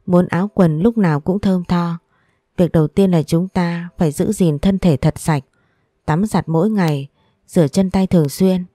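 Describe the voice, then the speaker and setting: Woman voicing an older grandmother, tender, lowish voice, mellow, dry sound. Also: moderate pace, no echo, lightly acted. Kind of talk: storybook reading.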